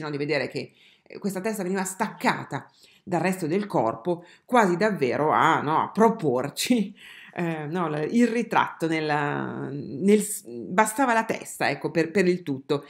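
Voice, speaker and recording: Low-voiced woman teaching art history, lots of ums and restarts, talks right to the class. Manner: hesitant, many fillers and restarts; addresses viewers directly. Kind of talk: online art history lesson.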